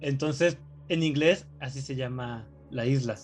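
A man's voice: mid-range voice, a little slow, a little mellow. A man in casual chat, explaining a film in a joking, rambling way. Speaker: podcast co-host.

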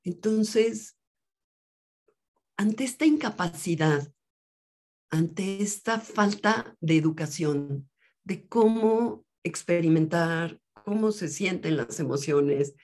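A woman therapist talks in a measured, teaching way as a guest on an interview show. Her voice sits low and has a gravelly, husky texture. She speaks slowly and unhurriedly. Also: a little mellow. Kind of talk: calm explanatory interview talk.

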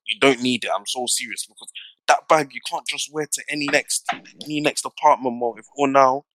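A man's voice: mid-range voice, fairly even intonation, a little fast, fairly bright tone, slight background noise, poor audio. A young man with a London roadman accent, chatting casually and giving opinions in heavy slang, often checking the listener follows. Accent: London roadman, multicultural urban London slang. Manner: slangy, punctuated with check-in tags. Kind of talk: casual chat, debating opinions.

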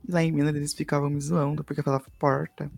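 Gravelly young man with a São Paulo accent. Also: a little high, little pitch movement, quick pace, darkish tone, dry recording. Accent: São Paulo Portuguese. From São Paulo, Brazil. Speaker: podcast co-host. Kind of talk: casual podcast chat.

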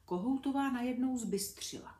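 Expressive woman reading to children. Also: a little high. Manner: lively, expressive. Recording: roomy echo.

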